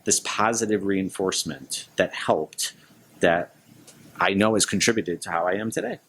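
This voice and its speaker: A man's voice: low voice, normal speed, a bit bright, slight background noise. A man answering interview questions as a guest, speaking informally in loosely strung thoughts. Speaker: interview guest, business leader.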